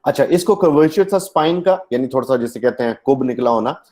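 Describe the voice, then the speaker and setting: A man with a Pakistani accent gives a classroom lecture on English literature in a mid-range, slightly mellow voice with lively intonation and a brisk pace. He explains at length in Urdu, slipping in English terms and phrases and using many fillers.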